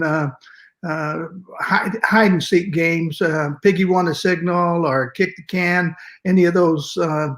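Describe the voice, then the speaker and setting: An older man with a West Texas accent and twang, reminiscing conversationally in a folksy, halting way as an interview guest. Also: sits high, a bit bright. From West Texas, United States. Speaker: interview guest, music educator.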